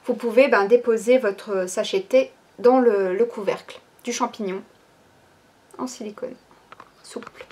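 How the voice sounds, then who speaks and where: A woman shows off new items from her online shop, chatting casually with plenty of hesitations and fillers like "ben" and "euh." Her voice is fairly high with a darkish tone, and she talks a little slowly.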